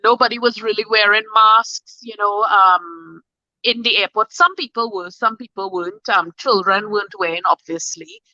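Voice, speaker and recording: A woman's voice: medium pitch, pushed and bright, no room sound, dull audio. A woman in her forties, a guest telling her travel story in a chatty, enthusiastic way. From Trinidad. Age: 40s. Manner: enthusiastic, chatty, bursts of quick speech. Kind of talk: casual interview chat.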